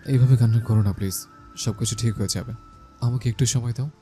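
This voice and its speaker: An actor playing a young husband who gently coaxes and apologizes to his wife in an audio drama. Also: mid-range voice, fairly even intonation, fairly quick, soft background music, natural voice. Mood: pleading. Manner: gentle, pleading. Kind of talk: Bengali audio drama acting.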